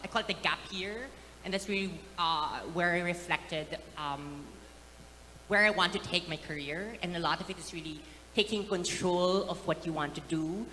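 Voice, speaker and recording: A woman's voice: lowish voice, pushed and bright. A woman startup founder on a conference panel, telling her story in an earnest, reflective way. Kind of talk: panel talk. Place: conference stage. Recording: reverberant event hall.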